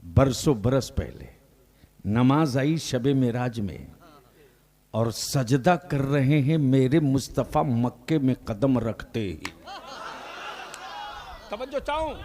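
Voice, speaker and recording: A man giving a sermon to a stage audience, chanting repeated phrases and calling out for the crowd to answer, often breaking into stretched-out shouts. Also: medium pitch, very animated, slow pace, long pauses. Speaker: religious speaker.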